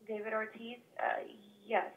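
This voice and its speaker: A woman's voice: fairly high pitch, level tone, unhurried, narrow, tinny audio. A woman from a law office talking over a courtroom speakerphone, polite and businesslike, her voice coming through a distant line with static. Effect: heard over a courtroom speakerphone. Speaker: law office staff answering the phone. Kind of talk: phone call with a court.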